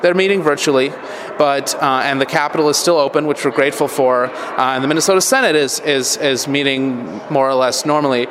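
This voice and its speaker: A man's voice: medium pitch, brisk. An American man hosting a podcast conversationally, his voice echoing in a big hall. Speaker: podcast host. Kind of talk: conversational interviewing and commentary. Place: echoey, nearly empty state capitol hall. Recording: echoey big hall, faint background noise.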